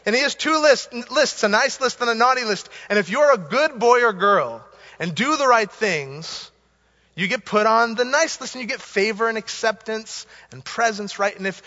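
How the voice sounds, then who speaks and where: A man's voice: high voice, lively intonation, moderate pace, bright, forceful tone, in a large hall, muffled recording. A man preaching a Sunday sermon, earnest and emphatic, repeating key phrases for weight. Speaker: pastor. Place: church sanctuary.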